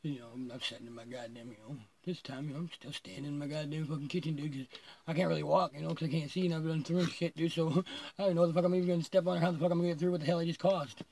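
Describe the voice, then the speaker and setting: A man's voice: a little high, fairly even intonation, rapid-fire, vocal fry, a little mellow, slight background noise. A man telling a long rambling story, swearing often and laughing between phrases.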